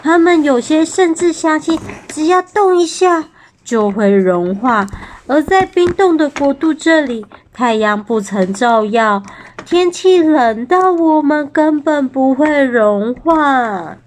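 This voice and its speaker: A woman reading aloud, voicing a wise, well-traveled old male snowman who explains slowly and calmly. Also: high-pitched, a little hiss or hum, voice pushed up. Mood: explaining.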